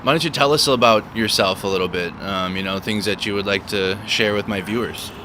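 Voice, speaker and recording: Out on a loud city street with passing traffic, a livestream host keeps up a casual chat, often repeating words and phrases to stress them. His voice is lowish, and he talks briskly in a sharp tone.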